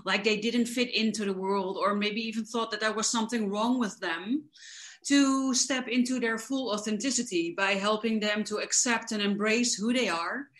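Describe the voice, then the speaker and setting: A woman's voice: mid-range voice, moderate pace, fairly bright tone. Woman coach explaining with enthusiasm. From the Netherlands. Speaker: guest, coach. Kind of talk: casual interview.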